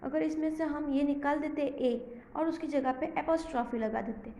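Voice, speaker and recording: A woman teacher with an Indian accent explaining a grammar lesson to young children, slowly and patiently, reading example sentences word by word. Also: high-pitched, dark tone. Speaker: school teacher. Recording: echoey room, faint background noise.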